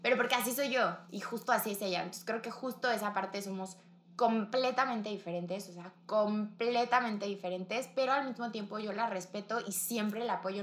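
A young woman with a Mexican accent, talking bluntly and casually about her friend, using lots of slang. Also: medium pitch. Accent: Mexican Spanish. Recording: echoey room with faint background noise.

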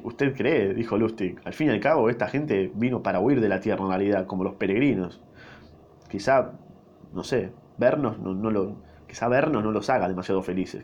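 A man's voice: on the low side, normal speed, darkish tone, dull audio. A young man with a Rioplatense accent reading a novel aloud, breaking off often for crude, swearing jokes and bursts of laughter. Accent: Rioplatense Spanish. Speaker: reader.

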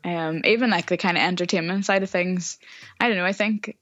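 Low-pitched woman with a broad Northern Irish accent. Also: fairly even intonation, fairly quick, a bit bright, dry recording, lo-fi sound. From Northern Ireland. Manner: self-deprecating, encouraging. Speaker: podcast guest. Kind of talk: casual chat.

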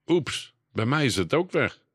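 A man voicing an eager, adventurous young boy in a storybook reading, talking in a quick, animated way close to his own voice. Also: mid-range voice, husky, no room sound, voice pushed up. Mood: wondering. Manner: quick, animated boyish delivery.

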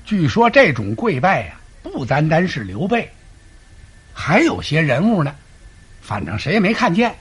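Husky, animated storyteller man. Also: on the high side, normal speed. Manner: animated, wry asides to listeners. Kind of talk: traditional storytelling narration.

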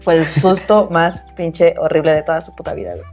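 A young woman with a Mexican accent, co-hosting a casual chat and telling stories in an animated way, full of slang fillers. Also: low voice, fairly quick, soft background music. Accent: Mexican Spanish. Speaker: podcast co-host.

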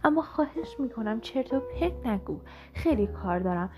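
A woman voicing an excitable, brusque middle-aged male painter in an audiobook reading, exclaiming emphatically. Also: a little high, natural voice. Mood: dismissive. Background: background music.

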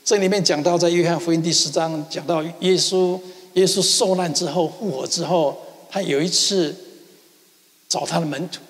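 A pastor with a somewhat high, gravelly voice, delivering a sermon in a church. He brings his story to life by acting out dialogue and adding sound effects. The sound rings out with a long hall reverb. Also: fairly even intonation, normal speed. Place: church sanctuary.

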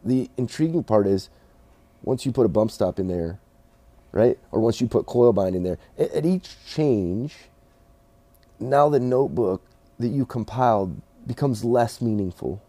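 A man, a racing shop owner talking casually in an interview, halting with many restarts. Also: medium pitch, dry recording. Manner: halting, restarts often, animated storytelling with quoted voices.

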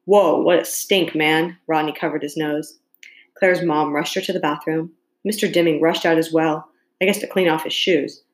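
A woman narrates an audiobook in calm, measured first person. Her voice sits low, and the reading rings in an echoey room.

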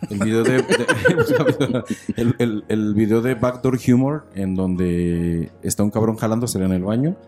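A man's voice: on the low side, wildly swooping pitch, measured pace, hardly any pauses, a little mellow. A man with a Mexican accent, telling crude stories in casual chat with friends. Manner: rambling, crude slang storytelling.

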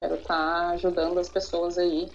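A Brazilian woman in her thirties, interviewed about her life, tells reflective personal stories in an earnest way, often ending sentences with a questioning word. Her voice is lowish and level at a moderate pace, and the audio sounds slightly dull with faint noise.

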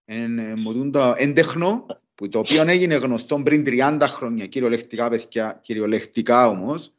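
Man of forty, Cypriot Greek accent, slightly muffled. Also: medium pitch. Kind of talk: casual podcast conversation.

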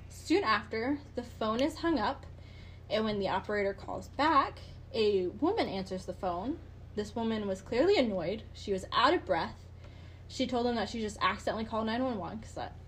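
A woman's voice: medium pitch, slight background noise. A woman hosting a casual true-crime podcast with friends, telling the case with dry sarcastic asides and laughs. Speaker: podcast host.

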